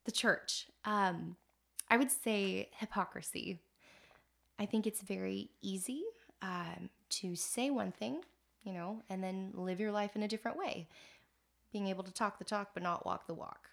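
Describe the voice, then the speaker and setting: A woman's voice: medium pitch, measured pace, gravelly. A woman guest on a podcast, a scientist giving brief, plain answers. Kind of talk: casual podcast interview answers.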